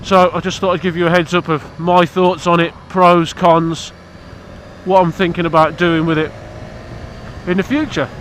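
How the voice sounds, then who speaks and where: A British motorcycle vlogger, stuffy from hay fever, chats casually to camera outdoors about his motorbike in a blunt, cheeky, rambling way. His high voice is a bit bright and fairly flat, at normal speed, with slight background noise.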